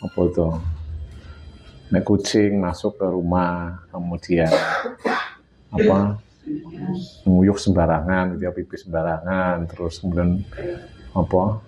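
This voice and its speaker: Mellow low-voiced Javanese man teaching. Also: flat delivery, unhurried, long pauses. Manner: chuckles often, acts out everyday dialogue. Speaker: religious teacher. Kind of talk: casual religious teaching to a study group. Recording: dull lo-fi recording with faint hiss.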